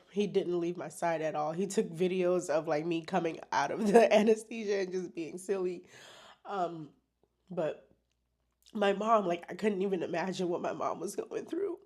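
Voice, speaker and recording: Young woman, emotional personal vlog, halting speech, full of fillers, mid-pitched voice. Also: darkish tone. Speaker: vlogger. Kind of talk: personal storytelling to camera.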